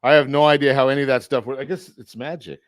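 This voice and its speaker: Halting, self-deprecating male radio host. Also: mid-range voice, steady tone, no echo, clean studio sound. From Southern California. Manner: self-deprecating, halting, full of repeated words. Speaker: radio talk show host. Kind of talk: casual radio talk.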